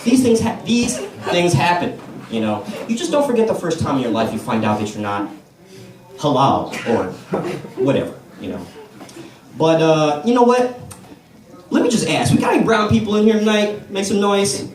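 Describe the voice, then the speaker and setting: An American man performs stand-up at an open mic, telling laid-back stories and playing to the crowd from a comedy club stage. His voice is high and animated, at a normal speed. The recording has a roomy, distant club sound, with the audience laughing.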